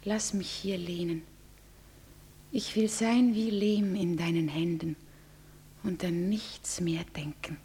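An actress playing a frightened young bride who pleads in a breathy, often whispered voice, in a classic radio play. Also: female voice, lowish voice, slow pace, long pauses, dark tone, a little hiss or hum. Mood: despairing. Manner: pleading, trembling.

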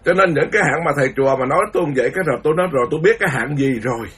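A man's voice: mid-range voice, rapid-fire, a bit bright, husky, distant mic. A man lecturing as a Buddhist monk, ranting indignantly with lots of repetition. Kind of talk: impassioned Dharma lecture.

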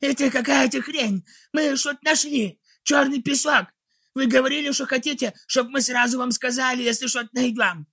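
A frightened, wounded goblin messenger. His voice is very high and squeaky, hoarse and breathy, with a sharp edge. He pleads breathlessly. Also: steady tone, normal speed, dry recording, studio quality, exaggerated voice. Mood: panicked.

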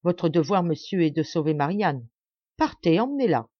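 A woman's voice: deep voice, big pitch swings, moderate pace, no echo, dull audio. A woman reading the part of a brave, grim young male peasant fighter who pleads solemnly and urgently.

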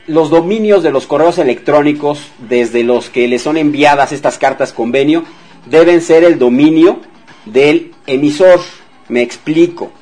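A man's voice: medium pitch, a little mellow. Man, radio host, casual debt advice, talks straight to listeners, acts out little dialogues. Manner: conversational, addresses listeners directly, acts out example dialogues.

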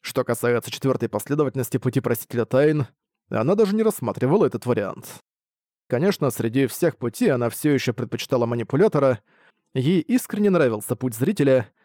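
A man narrating a fantasy audiobook in a steady, even reading voice. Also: mid-range voice, quick pace, no echo, clean studio sound.

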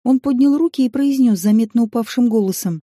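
A woman narrating a science-fiction audiobook in an even, measured reading. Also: on the high side, no echo, studio quality.

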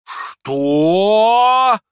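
A man's voice: sits high, expressive, drawn-out words, clean tone, no room sound, clean studio sound, pitched above the performer's own voice, full character voice. A man reading aloud and voicing a middle-aged noblewoman, a flustered, indignant mother who keeps exclaiming in shock. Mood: aghast. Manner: exclaiming, aghast.

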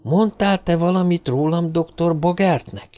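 Stern old scientist, measured and cold, somewhat raised pitch, as the male narrator voices him. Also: warm tone, natural voice. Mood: tense. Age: older.

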